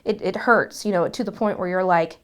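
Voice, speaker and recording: A woman's voice: fairly low pitch, fairly quick, smooth. A woman working at a day center, speaking earnestly in a news interview, with some hesitations.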